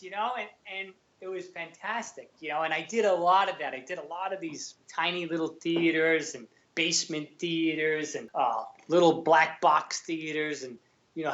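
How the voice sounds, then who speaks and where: Man, middle age, Brooklyn accent, colloquial storyteller, slightly raised pitch, roomy recording. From Brooklyn, New York. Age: middle-aged. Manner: colloquial, animated retelling with quoted dialogue. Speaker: podcast guest, actor and former police officer. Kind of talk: casual anecdotal storytelling. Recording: roomy, slightly dull remote audio.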